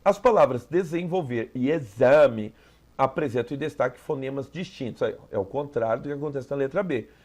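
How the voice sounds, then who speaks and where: A man's voice: mid-range voice, a little fast, darkish tone. A Brazilian man going through an exam as a teacher, explaining step by step and often checking in with the listener. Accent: Brazilian Portuguese. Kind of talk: exam review lesson.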